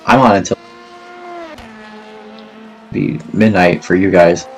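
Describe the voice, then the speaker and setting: A man co-commentating a race in a hesitant, halting way. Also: low-pitched, steady tone, faint music behind. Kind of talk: sim racing commentary.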